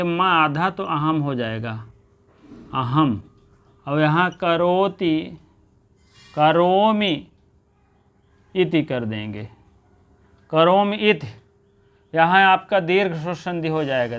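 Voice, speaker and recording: A male teacher who talks slowly and deliberately in a high, clear voice. He goes through the text word by word, repeating terms and quizzing himself as he explains. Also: a bit bright. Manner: repeats words and glosses them, asks and answers his own questions. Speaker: Sanskrit teacher. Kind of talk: exam-prep lesson explaining verse line by line.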